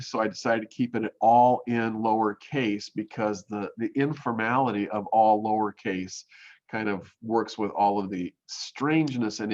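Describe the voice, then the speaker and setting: A man teaching graphic design in a recorded demo, talking in a halting way with many ums and restarts. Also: on the low side. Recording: muffled lo-fi audio.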